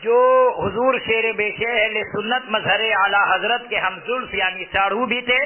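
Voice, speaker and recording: A little slow, a high-pitched male preacher explains a fatwa to listeners in a sermon. He speaks emphatically and repeats his key phrases. The recording has the tinny, phone-like quality of a loudspeaker microphone placed close to the mouth.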